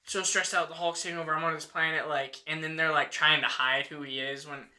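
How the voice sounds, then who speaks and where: A young man with a bright, slightly high voice talks casually about a movie with friends. He is animated and acts out scenes as he goes, with plenty of "like" fillers along the way. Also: brisk. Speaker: podcast co-host.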